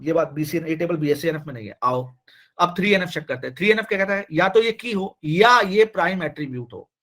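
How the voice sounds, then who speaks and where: A man teaching a live online class, animated and repetitive, often urging students to reply. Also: on the high side, fast.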